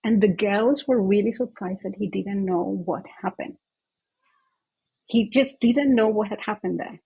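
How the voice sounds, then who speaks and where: A woman with a very husky, breathy voice and a gravelly edge, talking earnestly through a story from her practice. She speaks as an interview guest, with dry, close sound around her. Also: medium pitch, a little slow, no room sound, poor audio. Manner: earnest, animated anecdote-telling. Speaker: guest, myofunctional therapist.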